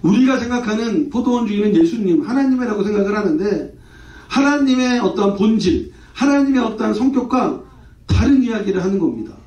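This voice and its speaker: A male pastor delivers a lively sermon, tossing playful rhetorical questions at the congregation. His voice is high-set but mellow in tone. It carries through an echoey church hall and is caught from a distance on a dull, muffled recording. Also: brisk.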